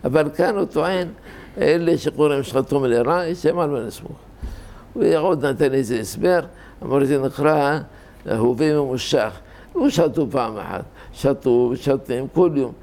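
Older guy, gravelly voice, teaching torah grammar, rambles into stories. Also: on the high side, a little mellow. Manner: explanatory, digresses into anecdotes. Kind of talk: informal Torah lesson.

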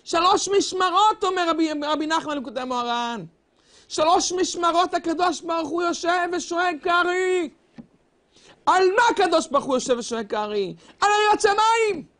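High-voiced man preaching with fervor. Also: lively intonation, fairly bright tone. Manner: impassioned sing-song preaching, with drawn-out wailing cries. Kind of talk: sermon.

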